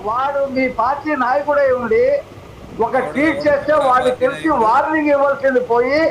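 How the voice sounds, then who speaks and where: High-pitched accusatory debating man. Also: steady tone, brisk, a crowd in the background, poor audio. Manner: accusatory, rhetorical questions. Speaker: political debate panelist. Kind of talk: heated TV debate argument.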